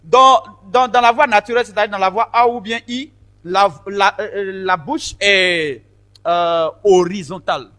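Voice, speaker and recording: A man's voice: high-pitched, measured pace, pushed and bright. A man teaching a choir vocal technique, explaining vowel shapes patiently and counting the group in.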